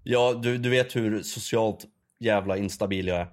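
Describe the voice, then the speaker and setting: A young man on a casual podcast, telling a story with lots of swearing, acting out the other people in it. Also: on the low side. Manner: animated storytelling, swearing, acting out a shouting clerk. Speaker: podcast co-host.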